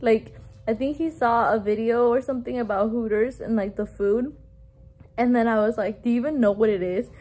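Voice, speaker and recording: A woman's voice: a little high, moderate pace, mellow. A young woman vlogging on her phone, chatting casually, switching between English and Spanish, laughing often and filling her talk with "like". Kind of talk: casual vlog talk to camera. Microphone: phone held at arm's length.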